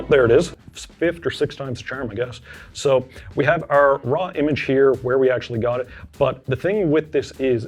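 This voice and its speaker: A man's voice: medium pitch, dull audio. Casual man narrating a screen-share tutorial. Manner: relaxed, self-deprecating, thinks aloud while clicking. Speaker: homelab tutorial presenter.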